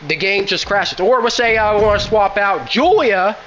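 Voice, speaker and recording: A man's voice: high-pitched, normal speed, a bit bright, a little hiss or hum, low-quality recording. A man complaining at length about a buggy video game, exasperated and repeating himself as he pleads for fixes. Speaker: gaming YouTuber. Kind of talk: frustrated game rant.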